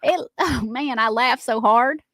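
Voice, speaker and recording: A woman's voice: a little high, a little slow, a bit bright, no room sound, studio quality. A woman co-hosting a radio show with casual, playful, opinionated banter. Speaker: morning radio co-host. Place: radio studio.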